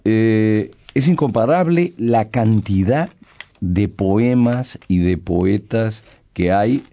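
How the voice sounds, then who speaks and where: A slow, mellow older man with a lowish voice, a poet appearing as a guest, speaks in a reflective interview. His first language is Brazilian Portuguese, and he talks in a slow, hesitant, halting, thoughtful way.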